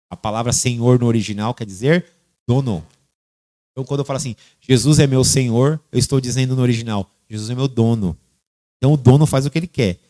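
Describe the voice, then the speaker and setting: Animated pastor preaching. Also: male voice, mid-range voice, no room sound. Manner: animated preaching, often shifting loud to quiet; addresses congregation members by name. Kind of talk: sermon.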